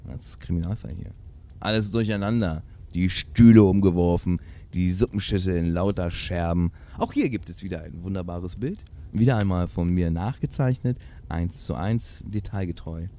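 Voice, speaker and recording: A man's voice: deep voice, moderate pace. A man with a German accent reading a fairy tale aloud, breaking off for sarcastic, mocking commentary. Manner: sarcastic, mocking asides, lively intonation. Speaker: reader. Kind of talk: casual read-aloud with joking commentary.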